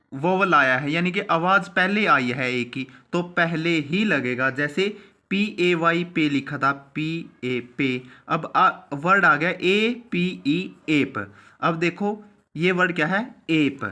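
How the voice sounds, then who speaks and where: Slow, bright-voiced male shorthand teacher. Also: a little high. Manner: slow, repeats each step aloud, often says "theek hai". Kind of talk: classroom lesson.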